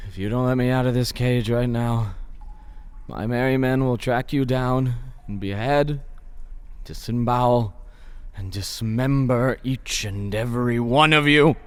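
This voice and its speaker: An actor playing a defiant caged young outlaw in a radio play, pleading and boasting, now and then breaking into loud singing. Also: male voice, sits high, very animated, unhurried, in a large hall, heavily acted. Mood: threatening. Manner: boastful, pleading, bursts into shouting song.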